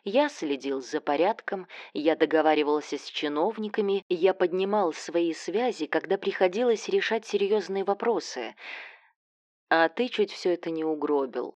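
A woman's voice: on the low side, normal speed, no echo, close to an everyday voice. A woman voicing a tired, stubborn middle-aged father. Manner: calm, tired, sighing.

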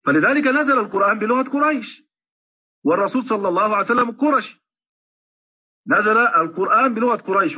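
A man teaching Quran recitation in an online lecture, explaining at length and slowing down to chant example verses. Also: high-pitched, breathy edge. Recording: muffled lo-fi online audio.

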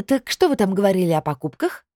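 A woman doing a high, eager fussy older woman. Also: big pitch swings, fast talker, dark tone, no echo, studio quality. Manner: eager, agreeable.

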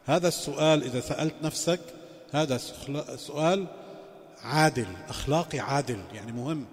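A man's voice: a little high, a little fast. A man giving a religious lecture as a sheikh. He poses rhetorical questions and moves between formal phrasing and colloquial asides. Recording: long reverberant hall.

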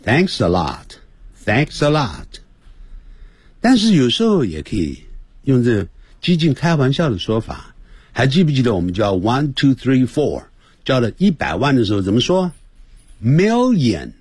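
A man teaching English phrases on an educational radio program, animated and playful, repeating each phrase slowly for listeners to copy. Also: mid-range voice, breathy edge, no room sound. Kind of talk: radio language lesson.

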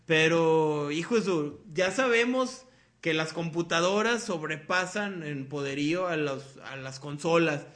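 Speaking a little slowly in a highish, somewhat bright voice, a young Mexican-accented podcast host keeps things loose and rambling. Slang and curse words pepper his casual talk.

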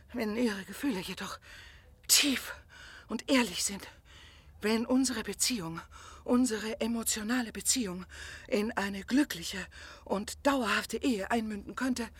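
Indignant and passionate, a radio-drama actress voices a pushy, lovelorn provincial woman organiser who rambles effusively and melodramatically. The recording is dry, and her husky, breathy voice sits a little high and a bit bright.

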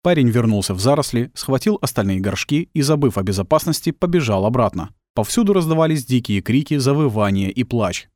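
A man narrating an audiobook in a tense, expressive storytelling manner. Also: medium pitch, a little fast, hardly any pauses, no room sound. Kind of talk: dramatic scripted narration. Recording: dry close studio sound.

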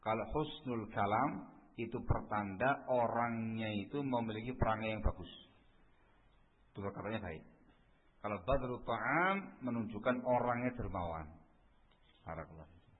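A man teaching a religious study lesson with a husky voice, emphatic and repeating key phrases. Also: lowish voice, animated, normal speed, pauses often. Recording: phone-like radio stream with long reverb.

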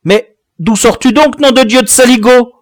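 A man voicing a gruff, furious rural father who swears and shouts at his son. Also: fairly high pitch, sing-song, slow pace, no room sound, clean studio sound, pitched above the performer's own voice, heavily acted. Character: angry rural French father, gruff, scolding.

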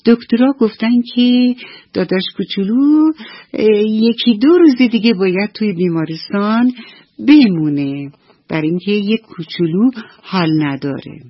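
A woman storyteller voicing a gentle, worried father who speaks soothingly to his little daughter. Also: medium pitch, animated, slightly rough, dry recording, voice pushed up. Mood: reassuring. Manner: soothing, reassuring. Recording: dull dry old radio recording.

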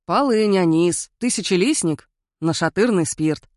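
A woman's voice: fairly low pitch, expressive, unhurried, a little mellow, no echo, clean studio sound. A woman doing a grumbling male investigator.

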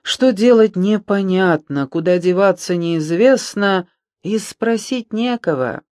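A man reading an audiobook, voicing a skinny, easily alarmed boy in a high, dragging lament. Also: big pitch swings, unhurried, no echo, studio quality. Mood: despairing.

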